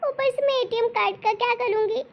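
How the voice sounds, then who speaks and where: Meek, pleading young daughter-in-law. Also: female voice, very high voice, flat delivery, moderate pace, muffled recording, noisy background. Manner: polite and pleading. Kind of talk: cartoon voice acting.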